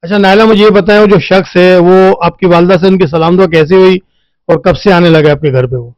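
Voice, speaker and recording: A man working as a field reporter, conversationally explaining a case on location and gently questioning the person seated beside him. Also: high-pitched, fairly even intonation, no echo, muffled recording. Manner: conversational, repeats filler phrases while explaining. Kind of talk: on-location news interview.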